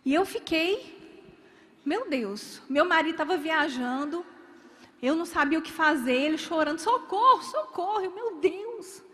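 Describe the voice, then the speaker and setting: A woman's voice: high voice, expressive, unhurried, fairly bright tone, in a large hall. A woman preaching a sermon, telling stories dramatically and acting out the people in them.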